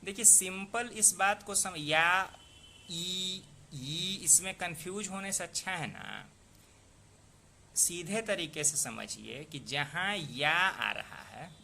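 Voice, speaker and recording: A male Hindi teacher with a voice on the high side sounds animated, bright, and forceful, with vocal fry, though his pace is slow. He patiently teaches pronunciation and spelling, repeating words and asking the listener rhetorical questions. Slight background noise is audible.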